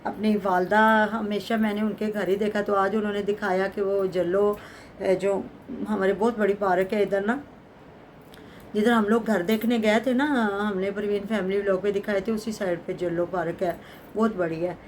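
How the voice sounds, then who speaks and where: A middle-aged woman chats her way through a casual vlog commentary, often adding pious blessings. Her voice is medium-pitched and a little mellow, with fairly even intonation and a normal pace. A faint hiss runs beneath it.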